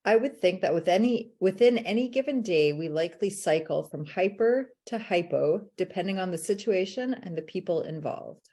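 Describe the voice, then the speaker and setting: Woman moderator, mellow lowish voice, polite, reading the chat. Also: lively intonation, moderate pace, hardly any pauses. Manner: polite and encouraging. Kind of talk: reading audience questions.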